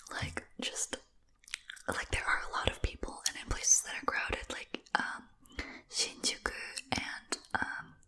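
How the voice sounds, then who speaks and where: A woman's voice: unhurried, sharp tone. A woman from Japan whispering a casual, rambling ASMR chat while chewing gum. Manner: rambling, giggly asides. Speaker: host of a rambling ASMR video.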